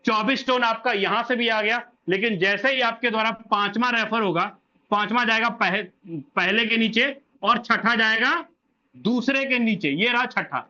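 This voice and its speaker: Male presenter with a sharp, bright tone and muffled sound, walking through a referral plan and repeating points. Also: extremely high pitch, moderate pace. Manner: repetitive, asks and answers own questions. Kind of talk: explaining a referral income plan. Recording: dull lo-fi audio.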